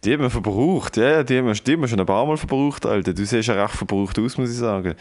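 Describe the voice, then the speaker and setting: A man's voice: mid-range voice, fast talker, darkish tone. A man, co-hosting a casual podcast, ranting brashly and swearing often. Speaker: podcast co-host. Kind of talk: casual chat.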